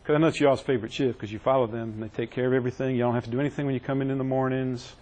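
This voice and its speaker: A man's voice: medium pitch, steady tone, rapid-fire, darkish tone, low-quality recording. Man, EMS instructor, conversational teaching, joking with the class. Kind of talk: classroom training lecture. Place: training classroom.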